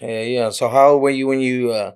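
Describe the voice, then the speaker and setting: Laid-back podcast host. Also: male voice, medium pitch, steady tone, brisk, smooth. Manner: short laid-back questions, frequent murmured "mm-hmm". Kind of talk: casual podcast interview.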